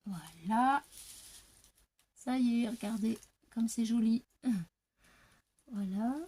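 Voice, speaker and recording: An older woman at home doing a crafting unboxing, gushing over each item and often dropping to soft whispers. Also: on the high side, slow pace, husky. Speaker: crafting vlogger. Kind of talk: unboxing show-and-tell. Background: paper crinkling and handling clicks.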